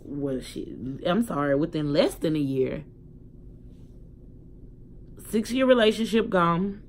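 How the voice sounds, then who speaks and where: A young woman, telling her personal story to a phone camera in a candid, emphatic way, swearing freely and swinging between loud outbursts and quiet reflection. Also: lowish voice, animated, takes it slowly, a little hiss or hum. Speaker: vlogger.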